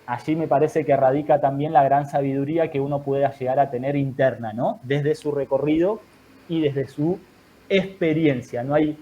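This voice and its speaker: A man, a guest in an online talk, giving calm, thoughtful advice in measured explanatory phrases. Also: medium pitch, highs cut off. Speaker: guest speaker.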